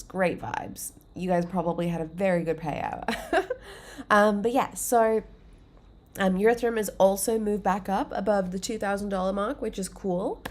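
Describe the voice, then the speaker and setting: A woman hosts her own livestream, chatting casually and upbeat with lots of fillers while sounding a little congested and unwell. Her voice is fairly low and a little mellow.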